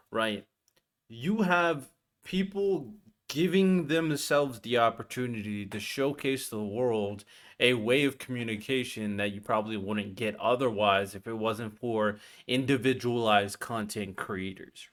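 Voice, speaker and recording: A man's voice: lowish voice, unhurried, fairly bright tone. A man reacting to a video on his stream, talking in a chatty, offhand way and often tagging his points with "right?". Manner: chatty, tags lines with "right?". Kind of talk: casual reaction commentary.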